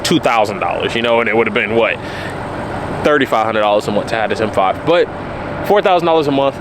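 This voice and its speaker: A young man in his early twenties with a drawl, talking casually and candidly to the camera. He circles back and repeats himself for emphasis. He is recorded outdoors, with clear traffic and street noise behind him. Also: on the low side, animated, brisk. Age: early 20s. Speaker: car vlogger. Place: outdoors by his car in cold weather.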